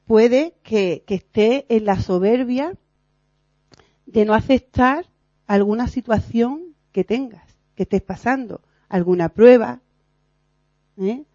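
A woman preaches informally to her fellow believers. Her voice is mellow and warm, and her delivery is earnest and lively. The recording is dry and slightly dull, like a low-fi capture. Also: slow pace, long pauses, no room sound. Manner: earnest and animated, acts out quoted voices, laughs at herself. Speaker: lay preacher in a prayer meeting. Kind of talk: informal sermon.

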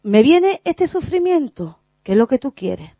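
Woman, earnest religious talk, animated pitch, mellow tone, dull lo-fi sound. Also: no room sound. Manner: earnest, halting, many restarts and fillers. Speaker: lay preacher sharing a spiritual reflection. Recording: dull lo-fi recording.

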